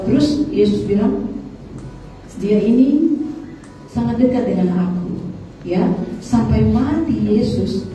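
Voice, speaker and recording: A woman's voice: fairly high pitch, warm tone, recorded from a distance, slight background noise. A woman pastor preaching a sermon, asking the congregation questions and calling them saudara. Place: large echoey church hall. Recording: very echoey church hall, voice from afar.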